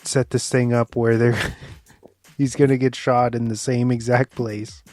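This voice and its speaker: A man's voice: mid-range voice, level tone, unhurried, a little mellow, no echo, clean studio sound. A man co-hosting a podcast, telling film scenes in a loose, filler-heavy way with swearing and laughs. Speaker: podcast co-host. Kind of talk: casual film review chat.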